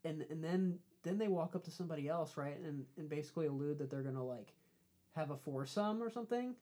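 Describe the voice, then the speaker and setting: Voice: medium pitch, fast talker, warm tone. A podcast co-host casually retelling a movie's plot, rambling with "um" and "like". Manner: laid-back, rambling with um and like. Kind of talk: casual chat reviewing a movie.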